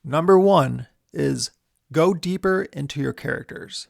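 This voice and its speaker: A man who hosts a screenwriting show, giving writing tips in a relaxed, chatty way. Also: on the high side, a little slow, gravelly, over loud music. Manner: relaxed, chatty, many fillers. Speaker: screenwriter and podcast host. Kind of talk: casual instructional talk.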